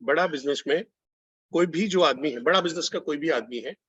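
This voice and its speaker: Husky-voiced man coaching a sales class. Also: fairly high pitch, fairly quick, fairly bright tone, no room sound, dull audio. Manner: coaching, repeats phrases, addresses listeners directly. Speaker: sales trainer. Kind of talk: online training session.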